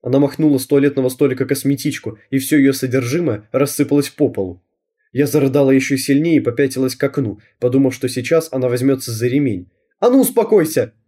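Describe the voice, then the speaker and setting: A man reading a first-person novel aloud in a steady, measured storytelling voice. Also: medium pitch, slightly rough. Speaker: audiobook reader.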